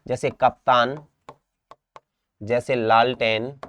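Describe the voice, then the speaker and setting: Teaching exam prep, a young man from India with a Rajasthani Hindi accent repeats every word and keeps verifying comprehension. He speaks slowly and flatly in a mid-range, fairly bright voice, and the recording carries slight hiss or hum.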